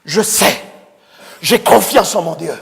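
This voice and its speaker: A male pastor preaching a sermon fervently, swinging from hushed tones to shouts. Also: high voice, lively intonation, slow, vocal fry. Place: church. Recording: echoey church hall with congregation.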